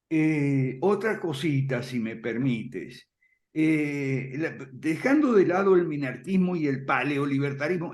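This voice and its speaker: A man explaining ideas in conversation, firm and emphatic, often checking in with a quick "ok?" and soft chuckles. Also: on the high side. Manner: emphatic, repeats points firmly. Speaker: guest speaker on classical liberalism.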